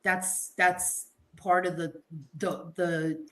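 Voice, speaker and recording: A woman co-hosting a podcast, chatting casually in a loose, animated way with frequent restarts and swearing. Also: fairly low pitch, very slow, a little hiss or hum, poor audio. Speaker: podcast co-host. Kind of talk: casual chat.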